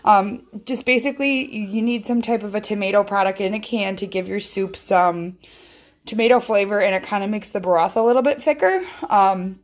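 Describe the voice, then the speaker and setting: A woman with a medium-pitched voice speaking at normal speed runs a home cooking channel and films a casual kitchen tutorial on a handheld phone. She's chatty and rambling, with plenty of ums. She feels something is off about her voice.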